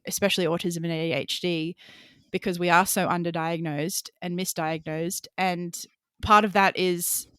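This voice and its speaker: A woman hosts a podcast, passionate and open, with laughter slipping in as she talks. Her voice is smooth and a touch low, and the sound is dry and close. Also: steady tone, normal speed, a bit bright, no echo. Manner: passionate, open, laughs often while talking. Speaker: podcast host. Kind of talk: podcast conversation.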